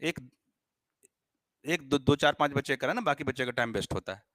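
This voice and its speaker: Bright, animated male online teacher. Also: medium pitch, a little fast, dry recording, clean studio sound. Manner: animated, scolding, playful memory tricks. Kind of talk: live online class.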